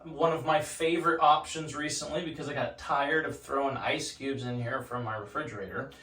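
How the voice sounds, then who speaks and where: A man's voice: mid-range voice, steady tone, a little fast, bright, forceful tone, recorded from a distance. A man talking casually and instructively to the camera while sitting in ice cold water in a home bathtub. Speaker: vlogger demonstrating ice baths. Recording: echoey bathroom, off-mic, water noise.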